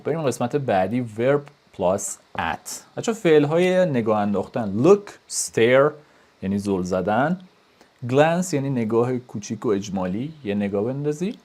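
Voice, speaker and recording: Lively male English teacher. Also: mid-range voice. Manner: lively, switches between casual Persian explanation and slow, deliberate English examples. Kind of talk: grammar lesson.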